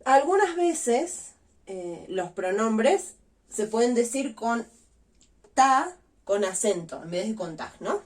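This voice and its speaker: A woman's voice: a little high, sing-song, slow, a little mellow. A woman teaching a recorded online language lesson, explaining patiently step by step and stressing each example word.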